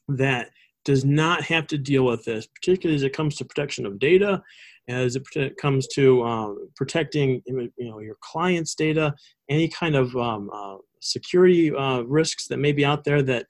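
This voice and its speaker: A man hosting a conversational business interview show, speaking in a halting, rambling way. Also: medium pitch, darkish tone. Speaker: show host.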